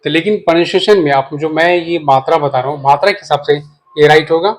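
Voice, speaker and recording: A man's voice: on the high side, fast talker. A man teaching an English spelling lesson in a patient, repetitive way, often checking that listeners follow as he writes and explains. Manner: explains while writing. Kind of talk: casual spoken lesson.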